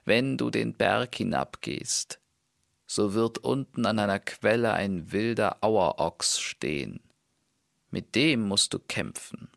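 Guy doing a sad cursed princess from a storybook, voice lifted but still gravelly, unhurried. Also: lowish voice, lively intonation, fairly bright tone, dry recording, clean studio sound, full character voice. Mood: sorrowful. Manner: raised, lamenting and earnest. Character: sorrowful enchanted princess, gentle and grave.

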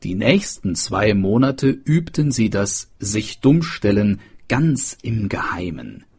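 A man reading a storybook aloud, slowly and expressively. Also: fairly low pitch, husky. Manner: slow, lively, expressive reading. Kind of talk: scripted storybook narration.

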